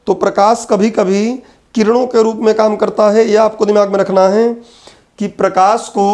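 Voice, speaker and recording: A man's voice: sits high, darkish tone. A man teaching an exam-prep physics lecture, patiently repeating key terms and answering his own questions.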